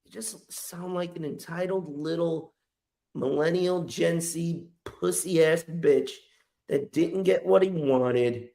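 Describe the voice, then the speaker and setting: A man's voice: on the high side, takes it slowly, vocal fry, dark tone. A man hosting a podcast, delivering a profane comedic roast full of crude mocking insults. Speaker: podcast host.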